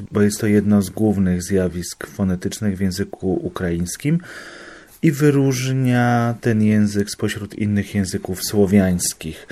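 Low, mellow-voiced man explaining. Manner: explains patiently with examples and reassurance. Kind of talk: study explainer.

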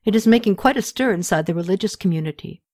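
A woman's voice: mid-range voice, expressive, fast, dark tone, close to an everyday voice. A woman voicing a young, troubled ancient king who explains matters earnestly.

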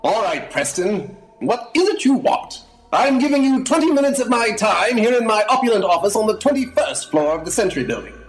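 A man's voice: high voice, sing-song, fairly quick, roomy sound. A man playing a pompous, boastful male villain with a put-on British accent in a comedic audio drama.

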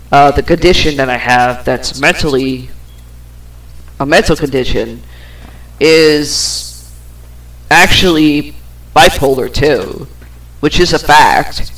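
A woman's voice: low-pitched, takes it slowly, long pauses, low-quality recording. A woman hosting her own podcast, ranting in a rambling way, swearing now and then and trailing off with fillers. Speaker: podcast host. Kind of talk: personal podcast rant.

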